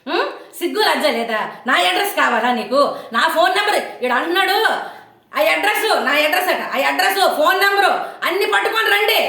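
Woman, very high bright voice, fast heated scolding rant, roomy echo. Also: expressive. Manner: scolding, heated and insulting, with taunting questions. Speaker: online commentator. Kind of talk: angry rant to camera.

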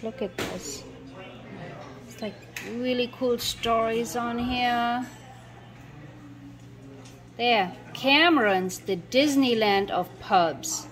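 A woman's voice: on the high side, background noise. A woman filming a family vlog on her phone, gushing with enthusiasm about everything around her. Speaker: vlogger and mother. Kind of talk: casual family vlog narration. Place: busy pub restaurant, indoors. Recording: crowd chatter in a busy pub.

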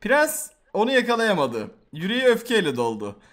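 A young man hosting a horror game video, reacting loudly with swearing and reading story text aloud. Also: sits high, huge pitch swings, moderate pace. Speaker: gameplay video host. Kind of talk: excited horror game commentary.

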